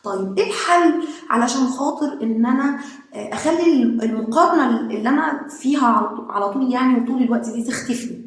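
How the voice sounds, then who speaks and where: Egyptian woman giving gentle advice, echoey room. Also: high-pitched, fast. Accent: Egyptian Arabic. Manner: gentle, reassuring, many fillers and restarts. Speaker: self-help speaker. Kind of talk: advice monologue to women. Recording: very echoey room with faint noise.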